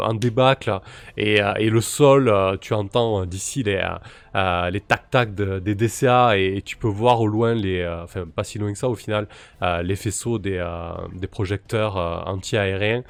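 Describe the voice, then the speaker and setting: A man's voice: on the low side, smooth, no room sound. A man acting as game master of a tabletop role-playing game, reading out rules and working through them aloud with fillers. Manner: explains rules step by step, thinking aloud with fillers.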